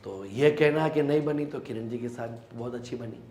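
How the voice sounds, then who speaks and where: A man's voice: mid-range voice, normal speed, a little mellow, roomy sound, a little hiss or hum. A man from Rajasthan, a local politician, giving earnest, emphatic answers in a sit-down interview.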